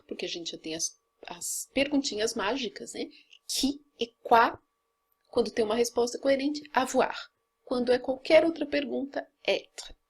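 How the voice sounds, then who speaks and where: A Brazilian woman with a high, slightly husky voice teaches a grammar lesson. She explains patiently and step by step, often checking in with a quick tag question. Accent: Brazilian Portuguese. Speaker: French teacher.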